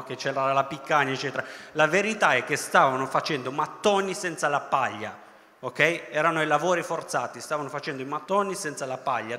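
A man's voice: a little high, pushed and bright. A young man preaching a sermon in a chatty way, often checking in with his listeners. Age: young adult. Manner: conversational preaching, tag questions like "no?" and "ok?". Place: large theatre hall. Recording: echoey hall reverb.

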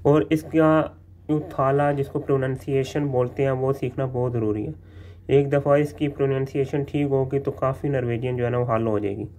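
A man teaching letter sounds in a casual spoken lesson, repeating each sound slowly and often checking in with the listener. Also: mid-range voice, steady tone, mellow, a little hiss or hum. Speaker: language teacher.

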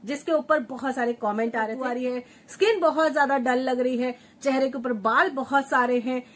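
Female beauty-tips vlogger, high voice, repeats words for emphasis, chats warmly like a sister. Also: steady tone, moderate pace. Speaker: home remedy vlogger, channel host. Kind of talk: chatty beauty tips vlog. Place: at home, grinding and sieving while she talks.

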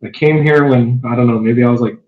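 A fighting game veteran in his forties, born in Japan and raised east of Los Angeles, tells stories in a relaxed, easygoing way as a guest on a casual podcast interview over video call from a room at home. His mid-range voice is brisk, and the webcam audio sounds roomy, dull and lo-fi.

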